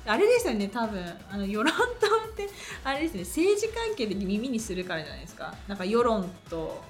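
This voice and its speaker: A woman's voice: mid-range voice, sing-song, brisk, faint music behind. A woman hosting a streamed talk show, chatting politely and laughing often. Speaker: radio show host.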